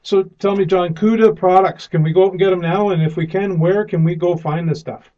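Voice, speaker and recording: An upbeat man hosts a casual interview, laughing easily as he goes. His voice sits a bit high for a man. The sound is dull and lo-fi. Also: steady tone, a little fast, warm tone. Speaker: radio show host.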